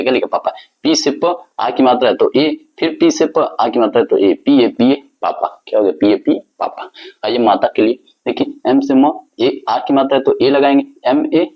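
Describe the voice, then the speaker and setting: A male teacher explaining a lesson step by step, asking the class questions and answering them himself. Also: medium pitch. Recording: slightly dull lo-fi recording.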